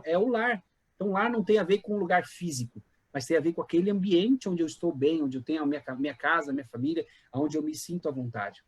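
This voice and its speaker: This Brazilian pastor has a high-pitched, slightly rough voice. He teaches a casual church Bible class conversationally, often repeating words and asking the class questions.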